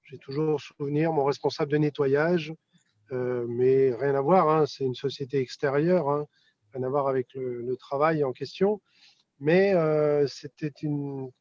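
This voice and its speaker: Over a video call connection, a man with a warm voice on the high side joins a casual discussion as a conference participant. He speaks hesitantly, with many fillers and restarts; the audio is dull but has no echo.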